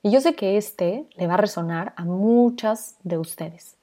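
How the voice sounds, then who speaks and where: A young adult woman, hosting a podcast and telling a personal story, lively and acting out the people in it. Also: mid-range voice, unhurried. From Mexico. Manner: animated, acts out the people in her stories. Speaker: podcast host.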